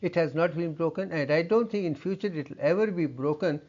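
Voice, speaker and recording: A man's voice: a little high, a little fast, a little mellow, dull audio. An older man from India giving an emphatic, self-assured monologue about his life, stacking lists of points. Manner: emphatic, self-assured, repeats list items. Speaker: speaker recounting his life.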